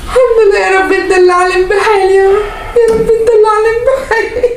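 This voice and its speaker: A woman's voice: fairly even intonation, rapid-fire, darkish tone, a little hiss or hum. A woman acting a sobbing mother, overjoyed that her children came back, in an amateur comedy film. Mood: tearful relief. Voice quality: high wailing voice. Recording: echoey room with crowd.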